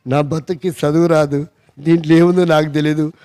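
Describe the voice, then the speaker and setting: Male pastor, lively storytelling sermon, fairly high voice, dry close sound. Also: moderate pace, clean tone, no echo. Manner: animated, acts out dialogue in a rising voice.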